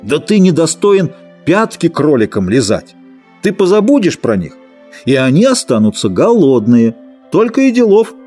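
A man's voice: on the high side, very animated, normal speed, dark tone, husky, faint music behind, voice pushed up. A man voicing a huge, contemptuous male rabbit that sneers and scolds in an audiobook reading. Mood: scornful. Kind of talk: audiobook character voice.

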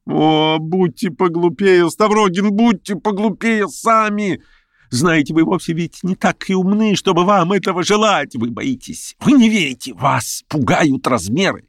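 A man voicing a frantic, feverish young male conspirator who pleads in a high, breathless rush. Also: measured pace, dry recording, clean studio sound. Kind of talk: audiobook character reading.

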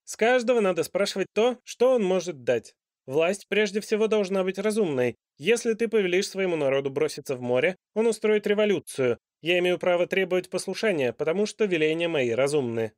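A man voicing a pompous, proud old king who gives loud, high-pitched commands in a storybook reading. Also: lively intonation, fairly quick, no room sound, clean studio sound. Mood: commanding.

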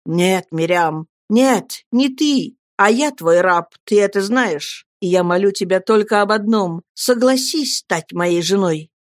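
A woman's voice: mid-range voice, lively intonation, unhurried, few pauses, no echo, natural voice. An ardent young Roman soldier in a storybook, speaking with proud, emphatic passion, as a woman reads him. The voice stays in a medium range, and the sound is close and dry. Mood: impassioned. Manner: emphatic, impassioned delivery.

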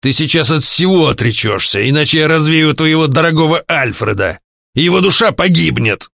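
Man voicing a menacing masked conspirator, gravelly, cold and curt, dry close sound. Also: fairly high pitch, lively intonation, fairly quick, a bit bright, no room sound, voice pushed up. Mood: threatening. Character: masked male conspirator leader, grim, menacing.

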